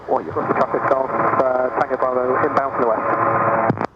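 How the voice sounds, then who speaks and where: A man's voice comes through as a pilot over the radio, slow and clipped in standard aviation phrasing. The channel sounds muffled and dull. A heavy roar of engine and wind sits right under every word. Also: mid-range voice, flat delivery. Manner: clipped, measured call-sign delivery. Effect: pilot voice heard over the aircraft radio. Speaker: pilot making radio calls. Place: small aircraft cockpit in flight. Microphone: aviation headset. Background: loud engine and wind roar.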